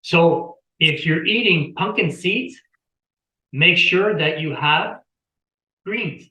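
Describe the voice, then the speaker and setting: A man's voice: fairly high pitch, takes it slowly, sharp tone, reverberant, rough recording. A man chatting as an interview guest on a video call, rambling, repeating words and telling anecdotes. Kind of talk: casual explanatory talk.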